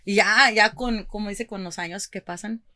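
A woman's voice: mid-range voice, normal speed, sharp tone, no room sound. A woman musician, a guest in an interview, talking openly and switching freely between English and Spanish. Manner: open and reflective. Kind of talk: candid interview conversation.

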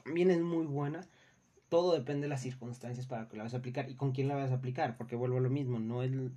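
A man's voice: medium pitch, steady tone, fast, mellow. A young man with a Mexican Spanish accent, casually telling stories from his customer service job, acting out what people said and swearing freely. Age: young adult. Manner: acts out customers and coworkers in quoted voices. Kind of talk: casual storytelling monologue.

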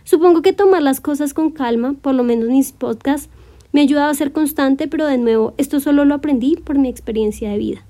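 A woman in her twenties hosting a solo podcast, speaking gently and encouragingly straight to her listener in a reflective monologue. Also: sits high, a little fast. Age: 20s. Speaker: podcast host.

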